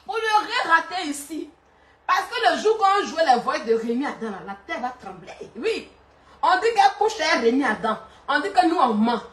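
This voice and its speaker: A woman's voice: high-pitched, very animated, normal speed, fairly bright tone. A woman co-hosting a comedy show, telling a story while laughing and teasing. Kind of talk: laughing comic commentary. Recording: echoey room from far off, faint hiss.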